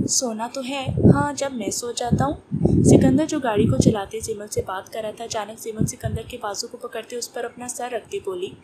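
A woman's voice: fairly high pitch, mellow. A woman narrating a romance novel, reading all the parts in her own voice. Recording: noisy recording with clicks.

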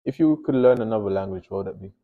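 A young Nigerian man with a fairly low voice talks very fast, heard through narrow, tinny audio. He's the painter and host, chatting in a laid-back way in his small home studio and often mumbling to himself as he works.

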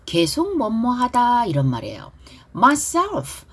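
A middle-aged woman teaching pop song lyrics and English pronunciation, stretching out each lyric line slowly between quicker explanations. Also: fairly high pitch, wildly swooping pitch, breathy edge. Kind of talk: pronunciation lesson with lyric drills.

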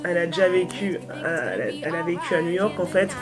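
Woman with an eastern French accent, casual music chat, low-ish voice, rambling and slangy, music bed clearly audible. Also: fast talker. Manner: slangy, excitable, rambling with many fillers. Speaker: music YouTuber. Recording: music playing clearly behind the voice.

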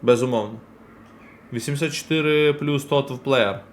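A man's voice: mid-range voice, a little hiss or hum. Chatty male streamer talking to chat. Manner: chatty, addresses chat directly, quick reactions. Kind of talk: casual live-stream commentary while opening packs.

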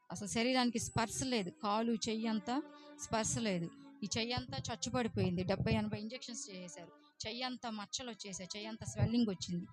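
A young woman, telling her personal testimony in an earnest, emotional way and mixing in English words. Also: fairly high pitch. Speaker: church member giving testimony.

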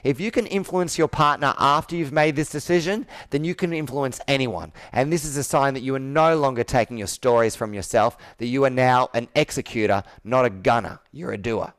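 A brisk man in his thirties with a medium-pitched, slightly bright voice coaches sales over a video call from an indoor room with a whiteboard. He barely pauses, pushing his points persuasively and emphatically and repeating phrases during live sales roleplay coaching.

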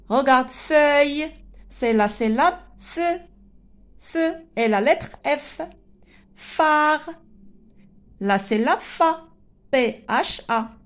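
A woman teaching a phonics lesson to young children, speaking with a French accent with a North African lilt and sounding out letters and syllables slowly and carefully. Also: fairly high pitch. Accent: French spoken with a North African lilt.

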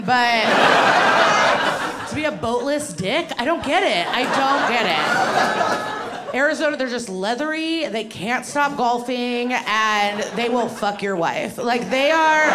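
On the high side and buried in heavy background noise, this voice belongs to a woman in her thirties performing stand-up with a handheld mic. In a small, dim venue, she chats and rambles with asides to the audience, whose loud laughter dominates the recording.

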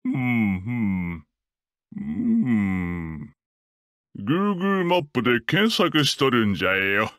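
An actor playing a jolly, gentle old Santa Claus who chuckles and talks in a grandfatherly way to a child. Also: lowish voice, sing-song, dry recording, clean studio sound, heavily acted. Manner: slow, chuckling grandfatherly speech.

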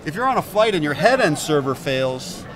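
On a trade show floor packed with crowd noise, an upbeat man in his fifties, a company executive, gestures toward hardware while explaining his product. He speaks at normal speed with a fairly high pitch and big swings in intonation, into an interviewer's handheld mic.

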